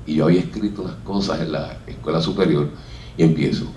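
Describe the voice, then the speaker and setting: A man's voice: low voice, steady tone, fast talker, darkish tone, slight background noise. A Puerto Rican man with a Puerto Rican Spanish accent, telling his life story on stage and acting out what others said. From Puerto Rico. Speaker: speaker at a talk. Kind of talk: personal storytelling talk. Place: stage in a hall with an audience. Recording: echoey hall, voice from a distance.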